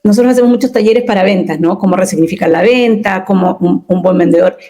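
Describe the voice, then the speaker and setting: A woman speaking as a communication consultant in an interview, expressive and emphatic, often asking rhetorical questions. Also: mid-range voice, quick pace. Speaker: communication consultant and workshop leader. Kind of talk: interview conversation.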